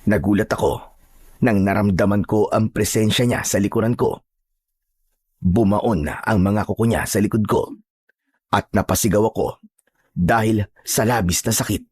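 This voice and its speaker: A man narrating a first-person horror story with steady, dramatic delivery. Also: on the low side, normal speed, long pauses, slightly rough, no room sound, clean studio sound.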